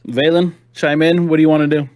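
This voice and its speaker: A man's voice: a little high, little pitch movement, a little fast, darkish tone, dry recording, studio quality. A man running a tabletop game as game master, narrating and teasing the players playfully.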